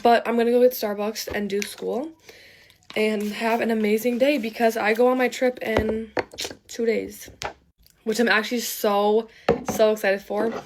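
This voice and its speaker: Flat-voiced young woman vlogging over noise. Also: on the high side, moderate pace. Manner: upbeat, gushing sign-off to viewers. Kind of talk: casual get-ready-with-me chat.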